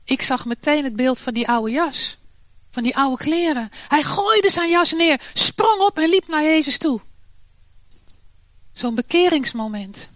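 A woman gives an earnest devotional talk and reads scripture at an unhurried pace, now and then hesitating and restarting her sentences. Her voice sits high, and the recording is close and dry. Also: lively intonation, dry recording. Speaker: devotional speaker.

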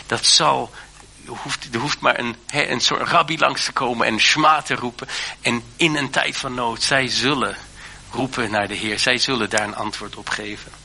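Bright-voiced preacher man, hesitant. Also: medium pitch, vocal fry, breathy edge. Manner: earnest, hesitant with many fillers and restarts. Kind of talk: sermon.

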